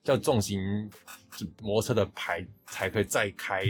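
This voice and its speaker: A man from Hong Kong with a Taiwanese Mandarin accent, hosting a casual podcast chat, chatty and quick to laugh. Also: fairly low pitch. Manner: chatty, laughs often, quotes others. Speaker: podcast host.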